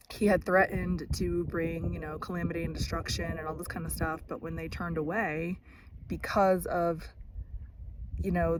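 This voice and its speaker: A woman's voice: lowish voice, a little mellow. A woman telling a faith story in a casual vlog while hiking outdoors on a trail, with plenty of fillers like "like" and "you know.". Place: outdoors on a mountain biking trail. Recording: noisy outdoor recording with clicks.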